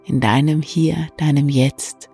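A person gently guiding an evening relaxation in a soft, hushed, soothing voice with long pauses. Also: medium pitch, creaky, husky. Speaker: meditation guide and bedtime story reader. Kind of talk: soft, soothing guided meditation for bedtime. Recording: soft new-age music bed. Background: calm new-age music.

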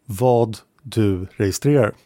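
A man's voice: on the low side, mellow, no echo, clean studio sound, lightly acted. A man reading the part of a male police inspector questioning a witness, repeating answers back as questions. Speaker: interrogator in a read-out police protocol.

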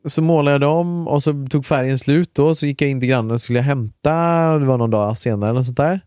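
A man co-hosts a podcast and tells a rambling everyday story in a loose, conversational way. His voice sits in a middle register. He leans on filler words and drops in casual swearing, and the sound is close and dry with no room echo. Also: medium pitch. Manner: relaxed and chatty, with frequent filler words and mild swearing. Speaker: podcast co-host. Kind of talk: casual chat, telling an anecdote.

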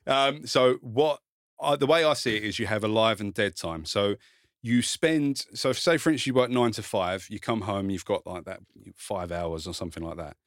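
Lowish essex sounding bloke from the south east, chatting casually on a podcast, plays himself down, dry sound. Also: male voice, moderate pace, dry recording. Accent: south-east English, Essex-like. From Kent, England. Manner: self-deprecating, informal, swears. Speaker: podcast guest, content creator and author. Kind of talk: casual conversation, personal storytelling.

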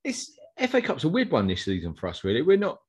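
A man's voice: a little high, wildly swooping pitch, fast talker, husky. A man with an Essex accent co-hosting a casual football chat in matey, slangy, colloquial speech. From Essex, England. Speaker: podcast co-host.

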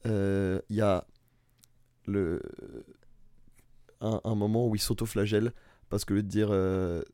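Homme à la voix grave et chaude. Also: male voice, lowish voice, a little slow, no room sound. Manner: rambling, restarts, animated about comedy. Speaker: podcast co-host. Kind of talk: casual chat.

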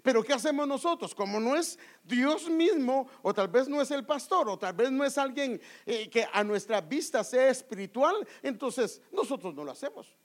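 A man's voice: very high-pitched, lively intonation, moderate pace, few pauses. A man preaching a sermon with emphatic rhetorical questions, often calling his listeners "brother".

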